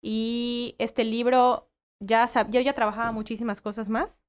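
A woman's voice: a little high, unhurried, clear, resonant tone. A woman, a guest who works with children, talking in a casual conversation and acting out quoted voices as she explains. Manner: animated, acts out quoted voices.

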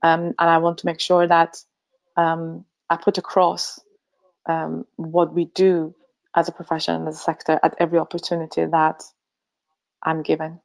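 Guesting on a remote interview, this pharmacy association chief executive from Finland is middle-aged and speaks with a low voice, vocal fry and a completely flat delivery at normal speed. She's thoughtful, often saying um and laughing easily.

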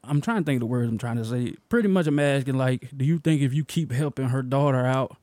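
A man's voice: mid-range voice, quick pace, dark tone, dry recording. A young man co-hosting a casual podcast, ranting bluntly, swearing and laughing often. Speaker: podcast co-host.

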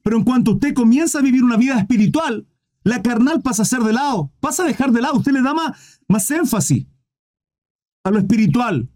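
A man's voice: very high-pitched, lively intonation, fairly quick, a little mellow. A man preaching in a livestreamed Bible study, emphatic, with many rhetorical questions, and he keeps calling his listeners "brother".

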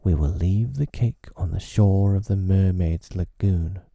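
A man voicing a scheming, sinister pirate captain who speaks slowly through his teeth. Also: low-pitched, creaky, dark tone, no echo, full character voice.

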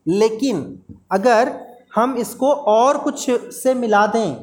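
Woman lecturer, higher voice, patient step-by-step explainer. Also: takes it slowly, a little mellow. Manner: explains step by step, repeats key terms, asks rhetorical questions. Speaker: teacher. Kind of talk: classroom lecture.

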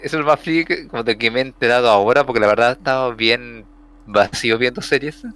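A man's voice: mid-range voice, fairly bright tone. A man with a Mexican accent in a casual chat, slangy and swearing. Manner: slangy, swearing, quick to exclaim. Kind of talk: casual chat about anime.

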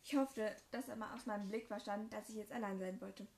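A woman reading her own first-person fan fiction story aloud in a plain, even narrating voice. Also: medium pitch, brisk, gravelly.

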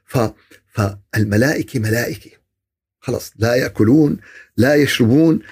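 A man's voice: mid-range voice, normal speed, darkish tone, breathy edge. A man giving a podcast religious talk, asking rhetorical questions and answering them himself. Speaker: religious speaker.

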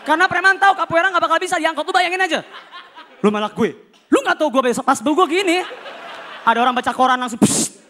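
High, bright-voiced man doing stand-up. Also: quick pace, some chatter behind, slight background noise. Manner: animated, acts out characters with shouts and shifting voices. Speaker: stand-up comedian. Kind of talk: stand-up comedy routine.

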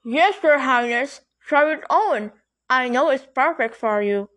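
A woman voicing a polite young female palace servant who speaks formally and eagerly, higher and louder than her narration. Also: slow pace.

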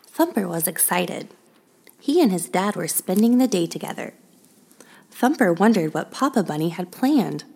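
Low, gravelly woman reading a children's story. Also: big pitch swings, moderate pace, mellow. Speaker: storybook narrator.

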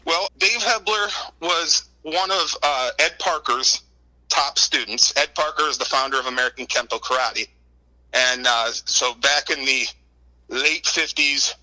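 A middle-aged man, a book co-author appearing as an interview guest, tells anecdotes in conversational answers. He's wordy and informal, repeating words and saying "you know" a lot. His medium-pitched voice is unhurried with a very bright, forward tone, captured on a low-quality recording.

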